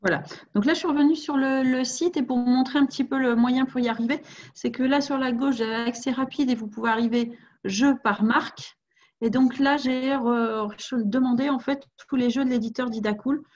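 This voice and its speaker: A woman's voice: high-pitched, moderate pace, a little mellow, lo-fi sound. A woman co-hosting a webinar over a video call, talking casually while showing a website and checking in with the audience.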